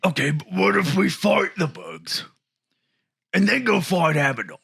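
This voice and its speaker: A man voicing a boastful male ork warrior who is always spoiling for a fight, in a gravelly, brash and loud manner, in an improvised in-character debate. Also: high-pitched, sing-song, a little slow, exaggerated voice. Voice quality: gravelly, growling.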